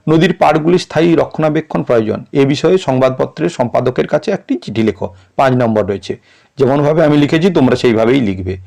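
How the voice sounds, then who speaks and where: A male tutor with a gravelly, creaky voice. He reads model answers aloud and breaks words into syllables in a measured, teacherly way. His pitch sits in an ordinary middle range. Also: a little mellow. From West Bengal. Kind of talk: reading out and explaining exam answers.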